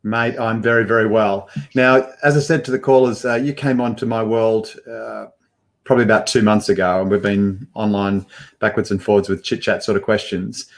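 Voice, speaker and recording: Speaking at normal speed in a lowish voice with fairly even intonation, the older host conducts a live video call interview. He's upbeat and presenter-like, using plenty of fillers, and sits in an indoor studio before a banner, wearing a headset mic and framed by a webcam.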